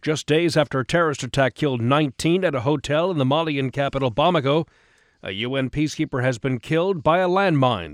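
A man reads radio news from a script. His voice sits at a middle pitch, recorded dry and close with no room sound. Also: dry recording. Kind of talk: scripted news bulletin reading.

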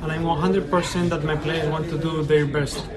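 A man working as a live interpreter at a press conference, rendering a coach's words phrase by phrase with halting restarts. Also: a little high, flat delivery. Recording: loud crowd chatter behind.

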